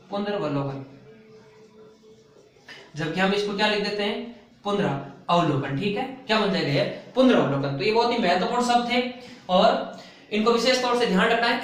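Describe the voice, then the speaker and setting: A man's voice: high-pitched, brisk, pauses often. A man teaching a Hindi spelling lesson for exam prep, drilling students by asking questions and then answering them himself. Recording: loud echo, voice far from the mic.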